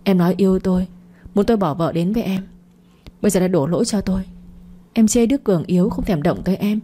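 A woman's voice: medium pitch, normal speed, mellow, close to an everyday voice. A woman voicing an arrogant, treacherous man who sneers in a storybook reading. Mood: sneering.

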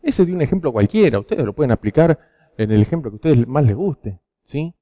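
A man's voice: mid-range voice, animated, fast, highs cut off. A man preaching to teenagers with a Rioplatense Spanish accent, telling stories and often checking in with a rhetorical "¿sí?". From Argentina. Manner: storytelling, frequent rhetorical "¿sí?" checks. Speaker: youth preacher. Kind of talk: sermon to teenagers.

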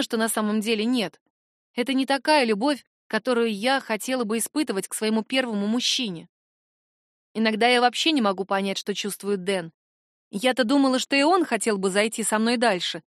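A woman reading a first-person audiobook in an expressive, confiding way. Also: a little high, no room sound, clean studio sound. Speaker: audiobook reader.

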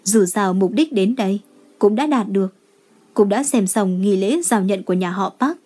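A woman reading a romance novel aloud as an audiobook narrator, telling the story in a steady manner. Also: mid-range voice, normal speed. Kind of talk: scripted narration.

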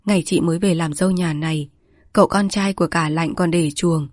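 A woman reading a village story aloud as a steady, measured audiobook narrator. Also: on the low side, no echo, studio quality.

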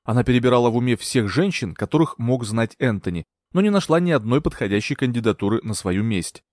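A man reading a novel aloud as a narrator, expressive and dramatic. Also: mid-range voice, quick pace, no echo, studio quality. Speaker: audiobook narrator. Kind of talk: scripted narration.

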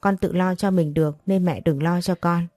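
A woman's voice: on the low side, steady tone, normal speed, warm tone, no room sound, lightly acted. A woman reading the lines of a remorseful young daughter in a storybook narration, humble and apologetic.

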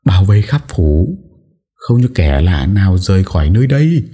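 A man's voice: lowish voice, lively intonation, moderate pace, mellow, breathy edge, voice pushed up. A man voicing an older woman, the overbearing mistress of a noble house, who scolds and wails. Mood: commanding. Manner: scolding, wailing.

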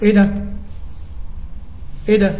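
High-voiced Egyptian man teaching software. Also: flat delivery, normal speed, a little hiss or hum, rough recording. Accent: Egyptian Arabic. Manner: explains step by step, repeats terms, hesitant fillers. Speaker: computer instructor. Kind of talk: spoken software tutorial.

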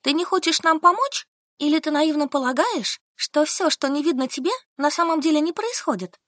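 A woman's voice: high voice, animated, moderate pace, a bit bright, dry recording, clean studio sound, pitched above the performer's own voice. A woman voicing a squeamish, easily panicked young female teacher who squeals and pleads, in an audiobook. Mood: panicky. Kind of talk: audiobook character voice.

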